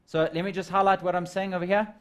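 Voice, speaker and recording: A man's voice: high-pitched, flat delivery, quick pace, smooth. Man explaining a science lesson step by step. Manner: step-by-step explaining, addresses students as guys. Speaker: physical sciences teacher. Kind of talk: live online lesson.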